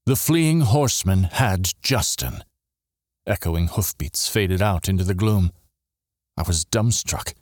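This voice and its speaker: A man narrating a dramatic first-person story with expressive, emotional delivery. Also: low voice, slow pace, no echo, clean studio sound. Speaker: audiobook narrator.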